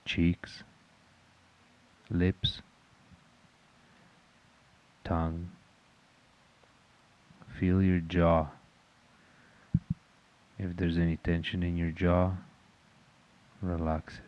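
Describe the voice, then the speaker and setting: A man with a very deep voice guides a meditation, giving calm, measured instructions at a very slow pace. His tone is notably even, barely rising or falling, and the recording sounds muffled.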